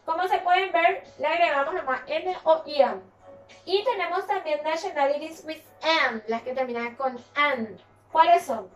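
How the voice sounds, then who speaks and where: A Paraguayan woman with a high voice takes her class through a recorded English lesson, going slowly and repeating each word. She sits some way from the mic in an echoey room, with faint music behind her. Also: far from the mic. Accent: Paraguayan Spanish. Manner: slow, explaining patiently, repeating words. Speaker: English teacher.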